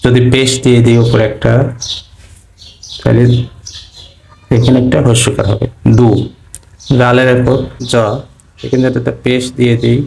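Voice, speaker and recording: A man's voice: medium pitch, monotone, moderate pace, gravelly, long pauses, darkish tone, a little hiss or hum, rough recording. A man teaching Quran reading step by step, patiently spelling out each letter sound one at a time. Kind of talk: slow step-by-step lesson.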